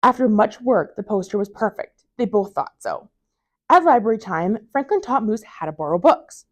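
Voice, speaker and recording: This is a library-storytime style reading: a woman brings a children's picture book to life with expressive narration. She speaks at a medium pitch and an ordinary pace.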